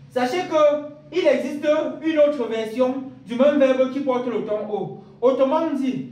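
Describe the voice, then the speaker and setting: A man teaches a language lesson to his viewers, going step by step and repeating each rule. His voice sits very high, and the room around him is echoey. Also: darkish tone, recorded from a distance. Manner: explains step by step with repetition, addresses viewers directly.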